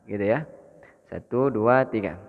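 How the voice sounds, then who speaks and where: A man with an Indonesian accent teaching Quran reading, explaining rules slowly and chanting verses in a drawn-out melodic way for students to repeat. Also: on the low side, gravelly. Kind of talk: Quran recitation lesson. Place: mosque hall. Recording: long reverb of a mosque hall.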